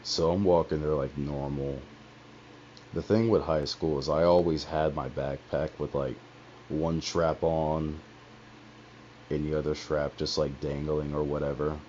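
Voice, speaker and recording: A man's voice: very deep voice, flat delivery, measured pace, mellow. A young man streamer telling a personal story on a headset, rambling and profane with lots of asides. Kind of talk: casual personal storytelling on a livestream. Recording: dull lo-fi headset audio with faint hiss.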